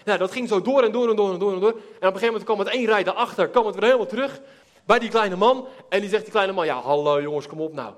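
A man preaching a sermon, telling a Bible story in a lively way, acting out the characters and laughing now and then. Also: high-pitched. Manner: animated, acts out characters, laughs while telling.

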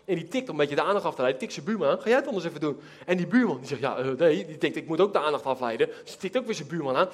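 A man with a high, light voice tells a sermon story. He acts out the characters as he goes and laughs along with his own telling. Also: lively intonation, very fast, few pauses, husky. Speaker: preacher.

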